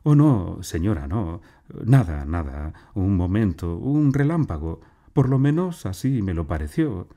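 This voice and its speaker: A man voicing an earnest, lovesick young gentleman who speaks solemnly and politely, in a storybook reading. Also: deep voice, very animated, unhurried, full character voice.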